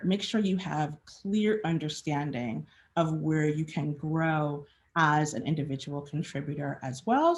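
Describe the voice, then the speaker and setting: A woman giving a conversational presentation at a design meetup. She speaks frankly, with frequent fillers and restarts, and acts out quoted questions along the way. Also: sits low.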